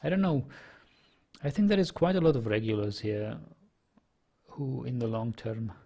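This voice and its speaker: A young Czech-accented man, native to Czech and from the Czech Republic, offers casual commentary on his online poker play and reads chat. His mid-range voice is creaky and mellow at normal speed, and he thinks aloud hesitantly, full of fillers.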